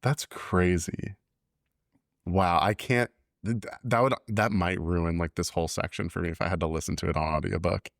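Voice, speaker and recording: Deep voiced guy cohosting a book podcast, laughs a lot, dry close mic. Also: steady tone, moderate pace, vocal fry, dry recording. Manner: laughs easily, loose and joking. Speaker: podcast co-host. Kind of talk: casual chat.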